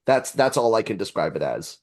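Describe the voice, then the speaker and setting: An earnest man with a fairly low voice, talking about albums on a podcast. He gushes with enthusiasm and grasps for big words to describe sound. The tone is sincere and conversational. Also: sing-song, fairly quick, darkish tone. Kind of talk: casual music discussion.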